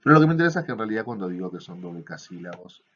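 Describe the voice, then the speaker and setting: Male university lecturer, husky voice, online seminar, lots of fillers and check-in questions. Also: sits low, sing-song, rapid-fire. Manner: taps out rhythms with syllables. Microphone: computer microphone on video call. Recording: dull lo-fi online class audio.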